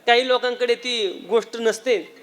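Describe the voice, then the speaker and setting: A man with a Marathi accent delivers a devotional kirtan sermon in a fairly high voice. He tells the story vividly and voices its characters himself. He keeps turning to his listeners with questions. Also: measured pace, faint music behind. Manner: animated storyteller, acts out dialogue, asks the audience questions. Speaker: kirtan preacher.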